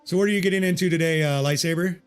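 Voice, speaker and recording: A man's voice: on the high side, rapid-fire, clear, resonant tone, faint music behind. A man chatting casually with his livestream chat while playing a game, joking and swearing a lot, speaking into a desk mic. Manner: profane, joking, greets chat. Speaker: livestream gamer. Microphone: desk mic with noise removal.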